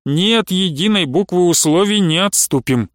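A man voicing a calm, firm younger merchant who will not budge on price. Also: high-pitched, normal speed, dry recording, clean studio sound. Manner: calm, steady, firm refusals.

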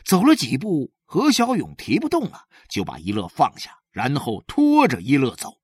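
A man narrating a story aloud, with a lively, expressive reading. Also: moderate pace, husky, no echo, studio quality. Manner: lively, expressive reading that swings widely in pitch. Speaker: audiobook narrator.

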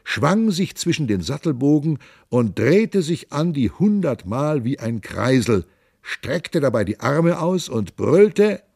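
A man reads a tale aloud with lively, expressive storytelling. His husky voice rises and falls widely. The studio sound is dry and close. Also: medium pitch, measured pace, no room sound. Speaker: reader. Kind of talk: dramatic literary reading.

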